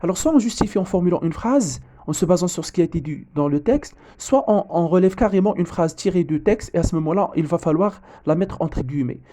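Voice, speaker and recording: A male teacher goes through an exam correction. His voice sits fairly high but sounds mellow and soft-edged. He talks haltingly, stopping on fillers and restarting his sentences. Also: animated. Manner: hesitant, frequent fillers and restarts. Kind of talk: exam correction lesson, reading the text aloud.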